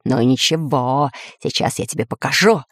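A woman's voice: low-pitched, sing-song, normal speed, dry recording, clean studio sound, voice pushed down, exaggerated voice. A woman voicing an angry male pirate in a storybook reading, blustering and cursing.

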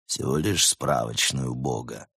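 A man voicing a sly, scheming male snow leopard who leads a cult, talking in a smug, mocking, quietly menacing way. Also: extremely low pitch, measured pace, creaky, breathy edge, dry recording, studio quality, voice pushed down, full character voice.

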